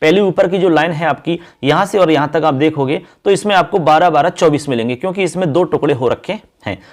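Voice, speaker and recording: A male teacher with a slightly high voice gives an exam-focused lesson. He addresses his viewers as friends and children and chants verses slowly.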